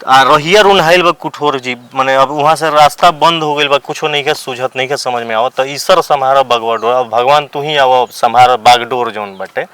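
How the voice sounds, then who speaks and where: A man's voice: medium pitch, moderate pace, hardly any pauses, fairly bright tone, smooth, no echo. Earnest young man with a Bhojpuri accent. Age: young adult. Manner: earnest, explains folk lyrics line by line. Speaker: guest writer and folk singer. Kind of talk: interview talk with sung folk verses.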